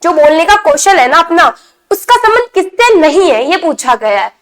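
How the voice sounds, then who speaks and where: A woman's voice: very high voice, big pitch swings, normal speed. A woman teaching an online exam-prep lesson, asking her class questions and then answering them, often repeating the key point.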